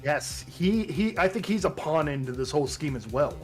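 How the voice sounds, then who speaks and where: A man gives casual let's play commentary. His pitch is very lively and varied, and game music sits faintly behind him. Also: normal speed. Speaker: let's player.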